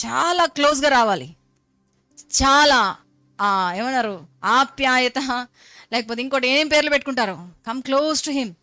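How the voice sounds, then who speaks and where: A woman's voice: high voice, pushed and bright, no echo. A woman preaching a Good Friday sermon, fervent and exhorting, firing rhetorical questions and mixing English phrases into her talk.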